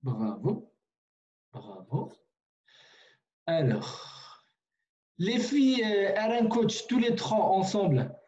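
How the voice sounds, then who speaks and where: A man's voice: sits high, big pitch swings, very slow, long pauses, darkish tone, dull audio. A man teaching a language online in a patient way, repeating himself with many fillers and restarts, over a video call.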